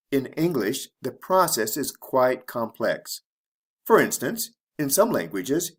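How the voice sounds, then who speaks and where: A man teaching English to beginners, speaking slowly and clearly and modeling the intonation of example sentences. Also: mid-range voice. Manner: deliberate, modeling intonation for learners. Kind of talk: slow, clear lesson narration.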